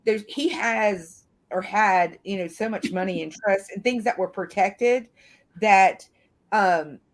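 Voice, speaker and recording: In a mid-range voice at a slow pace, this woman from the American South chats casually as a panelist discussing true crime. Her talk runs long and loops around her points, peppered with "you know" and other fillers.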